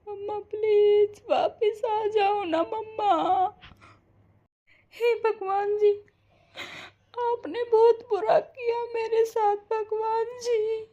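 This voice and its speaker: Cartoon: woman voicing a sobbing orphaned girl, very high, slow, crying. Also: warm tone, lo-fi sound, full character voice. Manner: sobbing, pleading, wailing. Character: young grieving orphaned daughter, tearful. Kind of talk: Hindi cartoon voice acting.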